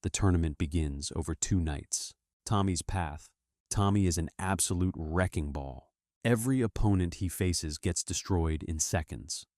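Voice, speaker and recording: A man narrating a film recap in a steady, dramatic storytelling manner. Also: sits low, moderate pace, dry recording, studio quality. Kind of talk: scripted narration.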